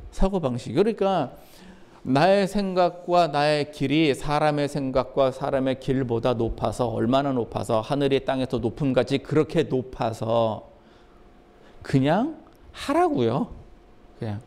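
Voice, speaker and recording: A male pastor preaching a sermon in an animated way, acting out Bible dialogue and putting questions to the congregation. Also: medium pitch, measured pace.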